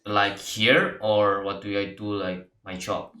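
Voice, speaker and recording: A man's voice: on the low side, fairly even intonation, slow pace, bright, forceful tone. A young man with an Indonesian accent, an Indonesian native speaker, chatting playfully on a video call and bantering and laughing as he argues a point. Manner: playful, argumentative, laughs often. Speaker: language-learning video host. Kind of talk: casual video chat.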